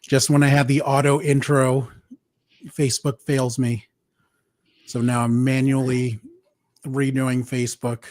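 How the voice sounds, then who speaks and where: A man hosting a live review show, chatty and joking, laughing now and then. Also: medium pitch. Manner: chatty, laughs often, jokes. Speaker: podcast host. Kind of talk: casual livestream chat.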